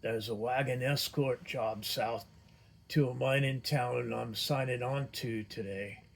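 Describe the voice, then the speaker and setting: A man's voice: mid-range voice, fairly even intonation, measured pace, creaky. A man voicing a boisterous male dwarf barbarian with a folksy dwarven way of talking, in a read-aloud fantasy story. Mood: hearty.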